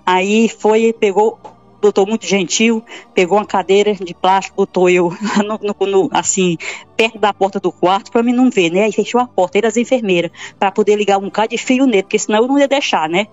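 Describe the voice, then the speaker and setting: A woman's voice: medium pitch, a little fast, darkish tone, faint music behind. A woman giving an emotional church testimony, retelling it in a breathless, repetitive rush. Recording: dull lo-fi sound.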